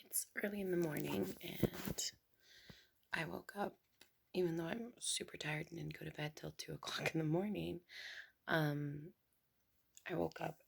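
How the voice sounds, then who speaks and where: Young woman vlogger, low gravelly husky voice, hushed half-whisper, rambling casual chat. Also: steady tone, measured pace, pauses often. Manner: hushed, half whispering so as not to wake someone; rambling with many fillers and restarts. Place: home, early morning.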